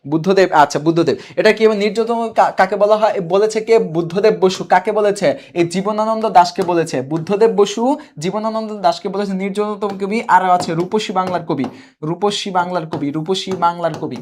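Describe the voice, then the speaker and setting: A man's voice: sits high, moderate pace, a little mellow, a little hiss or hum. A young man teaching a live online coaching class, quizzing viewers, repeating key answers and reading their comments aloud. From Bangladesh.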